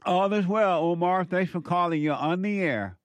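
A man with a smooth radio host delivery runs a call-in talk show, slowly repeating phone numbers for listeners. His voice sits high, and there's no echo.

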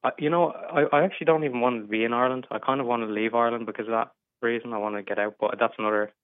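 A man's voice: mid-range voice, steady tone, very fast, no echo. Stammering young man on a tinny phone line. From England. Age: 20s. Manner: hesitant, stammering with many restarts. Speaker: caller. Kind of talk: casual advice call.

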